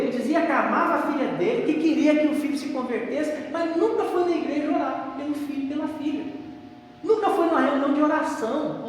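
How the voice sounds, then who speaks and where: Pastor preaching in an echoey hall. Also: male voice, very high-pitched. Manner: conversational preaching with frequent "né" tags. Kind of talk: sermon.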